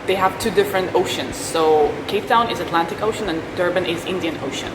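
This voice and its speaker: A woman's voice: on the low side, a little fast. Woman, casual interview explainer, super echoey room, noisy recording. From Belarus and South Africa. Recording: strongly echoing room with background noise.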